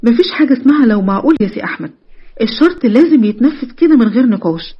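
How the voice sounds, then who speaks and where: A woman's voice: a little high, lively intonation, breathy edge, lo-fi sound. A woman voicing a witty, protective young best friend who teases and bosses in an Egyptian accent. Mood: teasing. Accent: Egyptian Arabic. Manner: teasing, brisk, commanding.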